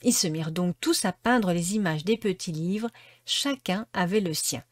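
A woman reading a classic storybook aloud with expressive, lively narration. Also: fairly low pitch, moderate pace, no echo. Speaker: storybook reader.

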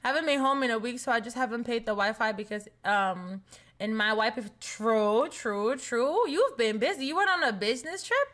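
A young woman streaming a life-sim game live, chatting with viewers and shrieking with excitement in drawn-out repeats. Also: fairly high pitch. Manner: chats with viewers, says thanks for follows. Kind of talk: casual live-stream commentary.

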